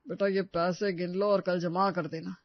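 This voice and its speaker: Cartoon role: a woman playing a timid old father-in-law, soft pleading tone, dry close sound. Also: lowish voice, steady tone, normal speed, no room sound, lightly acted. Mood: mild. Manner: mild, hesitant, pleading. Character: meek elderly father-in-law. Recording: dull dry lo-fi recording.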